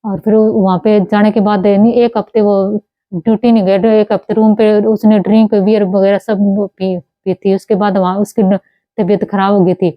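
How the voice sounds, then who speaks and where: A young woman from Haryana speaks, recounting her own experience haltingly, with many false starts. Her voice sits at a middle pitch. It was recorded close and dry, and the sound is a little dull. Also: level tone, no room sound. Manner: halting, with many restarts and cut-off words. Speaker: interviewee telling her story. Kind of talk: personal testimony.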